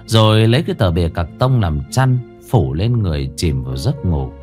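Expressive ghost-story narrator. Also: male voice, deep voice, normal speed, soft background music. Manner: dramatic, expressive reading.

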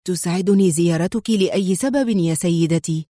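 A woman voicing a smooth, sly male businessman who rules a city, speaking with guarded irony. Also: on the low side, moderate pace, dry recording, clean studio sound, natural voice. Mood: wry. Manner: ironic, guarded, turns sharp.

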